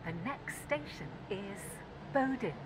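A woman's voice delivers automated onboard train announcements built from spliced recorded words. She sounds steady and formal, announcing at a slow pace, with abrupt pitch jumps on station names and noise in the background.

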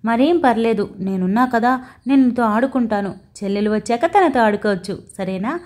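Woman narrator as playful young mother, mellow and affectionate. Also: fairly high pitch, expressive, fairly quick, lightly acted. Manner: affectionate, teasing.

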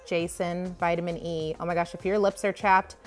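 In a grocery store, a vlogger chats casually about her haul, gushing with enthusiasm over the products. Her lowish voice keeps a level tone at a moderate pace. Recorded on a handheld phone behind the camera, the clip carries store ambience and faint background music.

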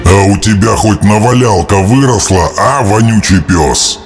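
Cartoon villain: giant evil male cat, lowish pitch, mocking, menacing, music bed. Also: a little slow. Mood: sneering. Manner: taunting, menacing.

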